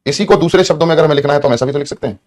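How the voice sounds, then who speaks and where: A man's voice: a little high, rapid-fire, a little mellow. A man teaching an English grammar lesson, repeating points and asking students questions. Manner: repetitive, asks students questions, stretches words when dictating. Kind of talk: exam-prep grammar lesson.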